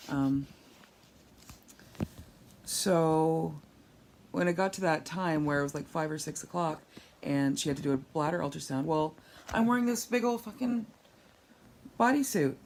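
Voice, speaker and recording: Her voice is low and darkish, unhurried and broken by frequent pauses, with a little hiss or hum behind it. She's a patient vlogger recovering from surgery, weak and sore, talking in a rambling, frank, wry way into a tablet she holds above her while lying at home.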